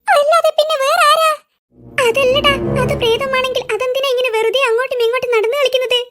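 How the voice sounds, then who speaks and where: Squeaky cartoon kids, quick bickering banter, very high voice. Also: female voice, steady tone, a bit bright. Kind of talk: comic cartoon voice acting.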